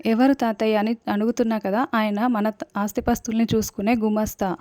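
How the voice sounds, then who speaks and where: Female reader as headstrong young woman, sharp retorts, dry close sound. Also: fairly high pitch, level tone, brisk, no echo, close to an everyday voice. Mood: defiant.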